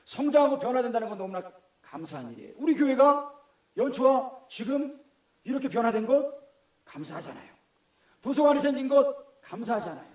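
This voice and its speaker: A man's voice: extremely high pitch, big pitch swings, fast talker. A middle-aged man with a Gyeongsang Korean accent, preaching a sermon in a conversational way and asking the congregation questions. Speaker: pastor. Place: church hall. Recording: echoey church room.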